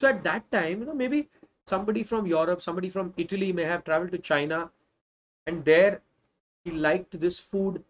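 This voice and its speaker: A man's voice: high voice, fairly quick. A man in his thirties with a North Indian accent, giving an emphatic live revision lecture to students as an online teacher. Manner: emphatic, interjects Hindi phrases. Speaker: online social science teacher.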